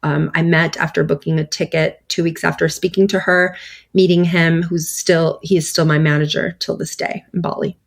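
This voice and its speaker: A woman with a fairly low voice, chatting casually as an interview guest. She rambles, fills her pauses with "you know" and "um", and laughs often as she tells her story. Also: little pitch movement, vocal fry. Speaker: guest, clothing brand founder.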